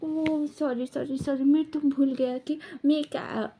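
A woman's voice: sits high, steady tone, unhurried, dark tone, slight background noise. A woman telling of a defiant young man. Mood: cool defiance. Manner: mocking, coolly threatening. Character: defiant young man, calm but cutting.

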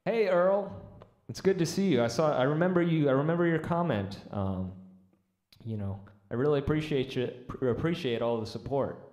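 A man's voice: fairly high pitch, normal speed, darkish tone, reverberant. A man live-streaming his music, chatting casually with viewers and answering their comments in an easygoing, rambling way. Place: room set up for live music. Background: instruments.

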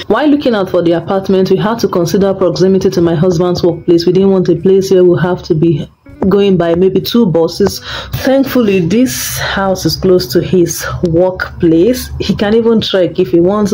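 A young woman from Nigeria, chatting casually in a vlog about renting her first flat. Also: lowish voice, husky, rough recording. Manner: chatty, conversational storytelling. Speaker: vlogger.

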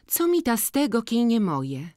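A woman's voice: on the high side, huge pitch swings, moderate pace, warm tone, no echo, clean studio sound, voice pushed up. A woman voicing a young village woman who speaks in a raised, eager voice.

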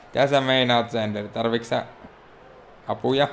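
A Finnish gaming YouTuber delivers excitable, self-mocking let's play commentary on a wrestling game, talking to the on-screen characters. His mid-range voice is gravelly, and there is a little hiss or hum in the audio.

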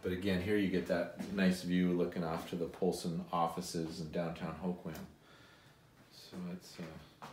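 A middle-aged man giving a casual guided tour of a museum's restored rooms, often pausing with fillers as he walks and explains. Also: low-pitched, level tone, a little mellow, distant mic, a little hiss or hum. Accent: Pacific Northwest American. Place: large empty house museum rooms with bare walls, indoors. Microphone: handheld phone camera following him, often several steps away. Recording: roomy echo, speaker off mic.

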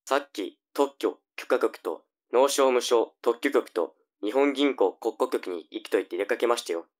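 A man's voice: medium pitch, animated, moderate pace, natural voice. A man playing a nagging, flippant young older brother in a tongue-twister audio drama. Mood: matter-of-fact.

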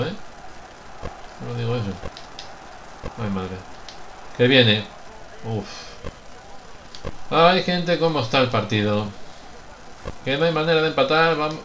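Young man commentating his own football game, higher voice, faint noise behind, quiet muttering that bursts into shouts. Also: measured pace, long pauses. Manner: swings from muttering to shouting at goals. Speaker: gaming youtuber. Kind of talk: excited let's-play commentary.

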